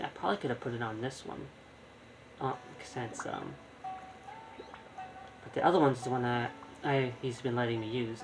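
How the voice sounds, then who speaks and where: Streaming a video game, a man offers casual, halting live commentary and keeps repeating his words. His voice is mid-range, and the background is noisy.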